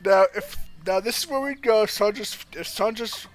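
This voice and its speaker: A man's voice: high voice, normal speed, music in the background. A man co-hosting a video game let's play, reading game dialogue aloud and laughing often. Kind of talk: casual gaming banter.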